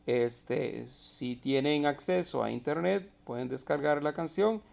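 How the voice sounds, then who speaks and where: A man's voice: fairly high pitch, creaky, a little mellow. A male teacher explaining a literature lesson step by step, asking rhetorical questions. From Costa Rica.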